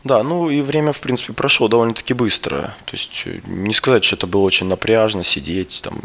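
A man hosting a podcast in casual talk, his voice gravelly and hoarse from a cold, feeling for his words. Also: fairly low pitch, brisk, a bit bright. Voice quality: gravelly, hoarse voice with throat clearing. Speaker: podcast host. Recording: dull, lo-fi sound.

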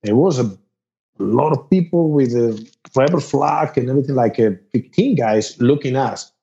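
A man's voice: mid-range voice, vocal fry, muffled recording. Spanish-accented man telling a story, laughing. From Spain. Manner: animated, laughs through the story, halting non-native grammar. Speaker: rock musician. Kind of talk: casual anecdote telling.

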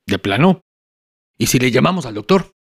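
An actor playing a patient, caring father with a Mexican accent, talking in a gentle and reassuring way. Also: medium pitch, very animated, normal speed, gravelly, slightly rough, exaggerated voice.

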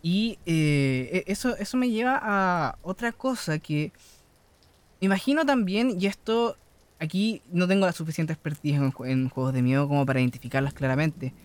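A man's voice: a little high, moderate pace, clean tone, no echo. A Chilean man, a podcast co-host and game master, telling a rambling story in casual chat, tagging phrases as he goes. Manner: rambling, tags phrases with tag questions.

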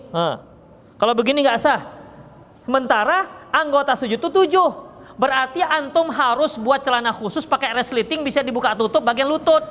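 In an echoey hall with faint ambience, a man from Medan, Indonesia gives an Islamic lesson and takes questions, chuckling and teasing throughout. His very high voice sounds bright and forceful.

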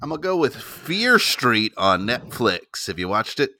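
A man's voice: mid-range voice, sing-song, measured pace, bright, forceful tone, dry recording. A man hosting a podcast, chatting casually in a laid-back, rambling way. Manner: laid-back, rambling with restarts, says dude. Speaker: podcast host.

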